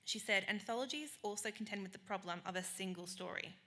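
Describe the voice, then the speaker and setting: A woman moderating a live panel talk, enthusiastic and quick with jokey asides. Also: medium pitch, pushed and bright.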